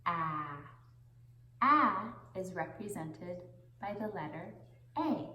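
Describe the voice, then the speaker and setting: A young woman teaching a children's phonics lesson in a deliberate singsong, pausing for the listener to repeat. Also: lowish voice, lively intonation, bright, forceful tone. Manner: slow, deliberate singsong with pauses for repetition. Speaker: preschool teacher. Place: indoor classroom, seated on the floor. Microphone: camera a few metres away. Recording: roomy echo from camera distance.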